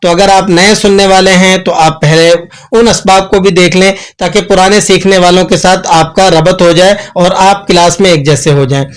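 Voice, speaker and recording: A man's voice: high-pitched, fairly even intonation, clean tone. A man teaching Quran recitation rules, explaining patiently and repeating words to show the right and wrong way to say them. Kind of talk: tajweed lesson.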